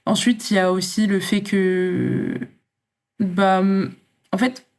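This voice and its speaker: A woman's voice: medium pitch, fairly even intonation, takes it slowly, a little mellow. A young woman from France, a champion athlete speaking as an interview guest, talking in a reflective, casual way with many fillers and restarts.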